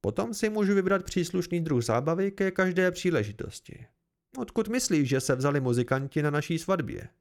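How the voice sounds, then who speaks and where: A stern, deliberate noble ruler, as a man reading an audiobook plays him speaks in a calm and measured way. The voice is gravelly and a bit high for a man.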